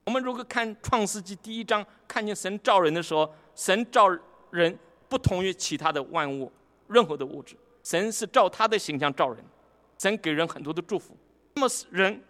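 A man with a high voice delivers a sermon, expounding scripture line by line. He reads the verses slowly and deliberately, then turns to the listeners with rhetorical questions. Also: expressive, pushed and bright. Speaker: preacher.

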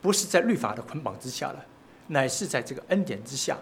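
A man's voice: mid-range voice, very animated, quick pace, slightly rough. A man preaching a sermon, speaking with frequent filler sounds and rising emphatic peaks. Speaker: pastor.

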